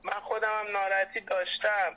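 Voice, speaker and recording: A man's voice: high voice, flat delivery. A man in his late twenties speaking earnestly and reflectively in a phone conversation, heard over a muffled landline. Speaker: interviewee, former patient. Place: telephone call.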